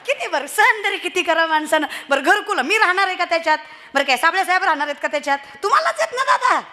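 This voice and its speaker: High, bright-voiced woman preacher. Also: fast talker. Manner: animated, teasing, scolding the audience. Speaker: kirtan preacher. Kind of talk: devotional sermon with humor.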